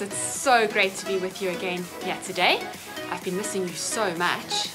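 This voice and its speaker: A woman in her thirties giving a children's church teacher's video message to kids. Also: mid-range voice. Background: prominent music.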